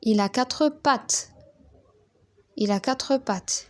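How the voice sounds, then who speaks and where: A young woman teaches a primary school French lesson. She dictates slowly and carefully and spells words letter by letter. Her voice sits a little high. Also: a little mellow.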